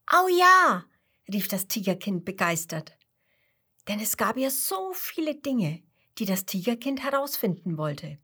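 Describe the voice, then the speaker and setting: A woman reading a children's story aloud in a gentle way, sometimes dropping to a whisper. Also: mid-range voice, big pitch swings, unhurried, slightly rough.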